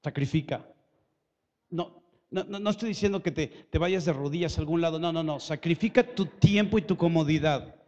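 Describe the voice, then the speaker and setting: A man preaches from a church hall, his high-pitched voice carried by a long reverb. He is emphatic and animated, breaking into joking asides and stumbling over repeated words. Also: moderate pace, dull audio. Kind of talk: lively sermon.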